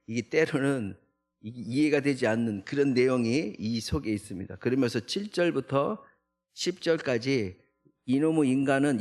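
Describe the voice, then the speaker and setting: Male junior pastor, gravelly, mid-pitched; conversational dawn sermon peppered with rhetorical tags. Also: a little mellow. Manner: acts out the psalmist's protests in a raised voice. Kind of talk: early morning prayer sermon. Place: church sanctuary.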